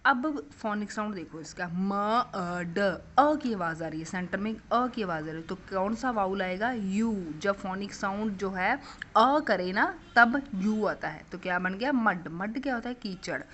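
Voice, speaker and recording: A woman's voice: mid-range voice, expressive, normal speed, a bit bright. A young woman teaching phonics to children, asking questions and repeating the answers back. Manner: repetitive call-and-response questioning.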